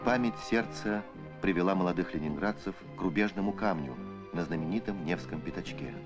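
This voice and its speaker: A man narrating an old Soviet newsreel in a solemn, measured, declamatory scripted style. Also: low voice. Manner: measured, declamatory documentary delivery. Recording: archival film soundtrack with music. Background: music.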